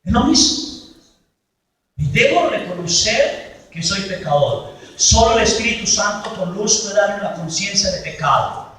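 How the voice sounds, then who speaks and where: A man preaching a sermon as a priest at a healing retreat, emphatic, slowing and swelling on key words. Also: high-pitched, expressive, pushed and bright, a little hiss or hum. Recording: echoey hall from far off.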